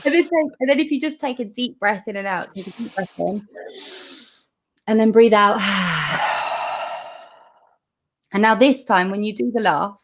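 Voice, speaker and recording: A woman's voice: on the high side, a little fast. A woman leading laughter exercises on a video call, bubbly and encouraging, often breaking into laughter as she explains. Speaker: laughter yoga leader. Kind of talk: casual video call chat.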